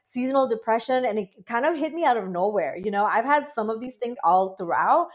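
A Bangladeshi breathwork facilitator in her late twenties or thirties talks earnestly and chattily as an interview guest. Her fairly high voice moves fairly quickly, packed with "like" fillers and animated quoted asides.

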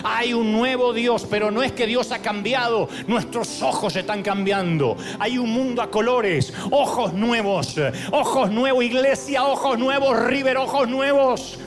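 High-voiced preacher over music. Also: male voice, steady tone, unhurried, few pauses. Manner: impassioned, shouting calls to the crowd. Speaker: pastor. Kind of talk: sermon. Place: large stadium.

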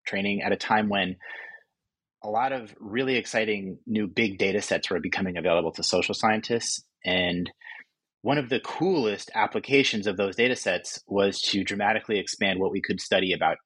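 A man's voice: on the low side, normal speed, a bit bright, husky, dry recording, poor audio. A man in his forties from California, an author answering interview questions thoughtfully, often restarting his sentences. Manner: thoughtful, with frequent restarts and fillers. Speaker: author and guest.

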